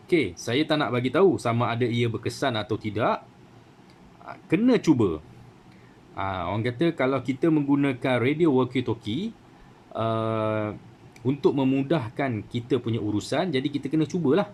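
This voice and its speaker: A man with a Malaysian Malay accent hosts a radio hobby channel, giving a casual how-to talk packed with fillers and rhetorical "kan?" asides seeking agreement. His voice is medium-pitched and darkish, with a little hiss or hum.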